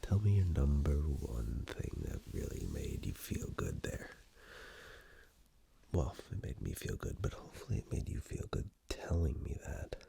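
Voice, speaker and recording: In this unhurried ASMR roleplay, a very deep-voiced man murmurs near the microphone as a teasing, playful lover. His half-whisper is soft, breathy and gravelly, with a sing-song rise and fall.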